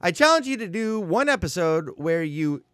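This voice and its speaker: A male comedian co-hosting a podcast in casual banter, joking and teasing with bursts of laughter. His voice sits a little high and swings widely in pitch. It is recorded dry and close to the mic. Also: sing-song, normal speed, a bit bright, clear, resonant tone, no room sound. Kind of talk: casual chat.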